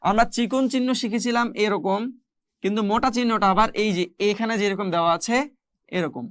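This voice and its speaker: A Quran recitation teacher explaining rules step by step and chanting long, drawn-out Arabic syllables as examples. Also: mid-range voice, dry recording, studio quality.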